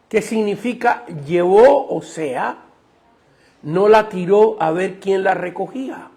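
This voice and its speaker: A man's voice: high voice, creaky. A middle-aged man, preaching a Bible class to a congregation and often asking them questions. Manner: teaching preacher, asks the audience questions. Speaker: pastor. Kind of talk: sermon teaching class.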